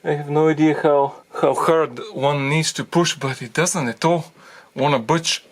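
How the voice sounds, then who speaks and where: A man explaining a car repair as he works on it, thinking aloud in halting phrases and getting out of breath from the effort. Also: fairly high pitch, fairly even intonation. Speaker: DIY car repair presenter. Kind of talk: hands-on repair tutorial.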